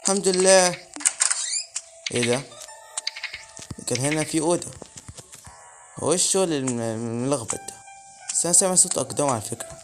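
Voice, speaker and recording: A man's voice: mid-range voice, fast, pauses often. An Egyptian man giving let's play commentary on a horror game, muttering nervously and breaking into sudden yelps. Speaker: gaming channel host. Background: game music.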